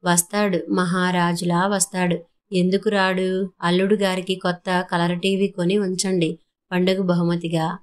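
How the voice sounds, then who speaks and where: Storybook role: sharp, sarcastic young wife, defiant, low flat voice, read by a woman. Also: unhurried, close to an everyday voice. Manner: sarcastic, cutting.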